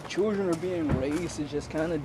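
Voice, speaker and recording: A man's voice: on the high side, moderate pace, a crowd in the background, low-quality recording. A young man, a college student, chatting casually on a walk, rambling and laughing between thoughts. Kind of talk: casual chat while walking. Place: outdoors on a city street at night. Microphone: handheld camera.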